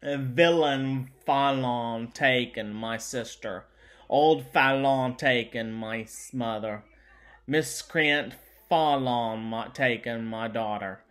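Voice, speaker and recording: Vengeful starving women's cries, as a male reader puts them on: slow, halting, mid pitch. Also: fairly bright tone. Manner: halting, repeating words. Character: frenzied starving women crying for revenge.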